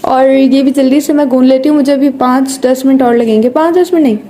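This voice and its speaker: A young woman from Pakistan with a high voice chats her way through a home kitchen vlog. She rambles, fills gaps with little stock phrases and giggles, talking to a camera she sometimes holds in one hand. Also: steady tone, fairly quick, mellow. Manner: chatty, rambling, with frequent filler phrases and giggles. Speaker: vlogger. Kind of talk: casual cooking vlog chat. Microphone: camera or phone, sometimes hand-held.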